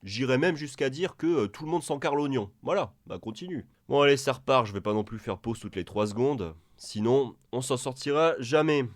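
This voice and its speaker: A man's voice: medium pitch, lively intonation, moderate pace, few pauses, dry recording, studio quality. A man giving sarcastic reaction commentary, mocking and crude, talking straight to the person in the clip he is answering. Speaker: video commentator.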